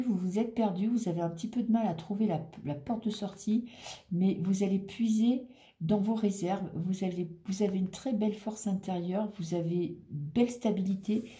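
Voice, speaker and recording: Mellow-voiced woman reading tarot. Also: medium pitch, echoey room. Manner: chatty and reassuring, thinking aloud over cards. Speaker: tarot reader. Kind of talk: casual tarot reading monologue.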